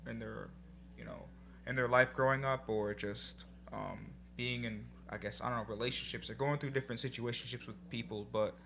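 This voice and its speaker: Brisk and creaky, a young man's medium-pitched, fairly bright voice holds a steady tone as he co-hosts a casual podcast over slight background noise. He comes across laid-back and reflective, cursing casually at times.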